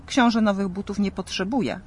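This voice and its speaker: A man's voice: sits high, steady tone, normal speed, pitched above the performer's own voice, close to an everyday voice. A scoffing old castle gatekeeper talks down to a visitor in a raised voice, as a man reading a storybook puts him on. There is a faint hiss behind the reading. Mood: mocking. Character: mocking older male castle gatekeeper.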